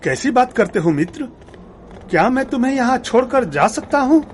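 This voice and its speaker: A man's voice: extremely high pitch, slight background noise. A man voicing a big, trusting, good-natured male camel in a storybook cartoon. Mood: friendly. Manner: friendly, slow and lively.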